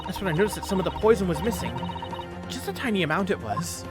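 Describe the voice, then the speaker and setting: Player acting a guilt-ridden young student, video game confession, halting, earnest, medium pitch, music behind. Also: sing-song, close to an everyday voice. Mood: anxious. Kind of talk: video game dialogue read aloud in character.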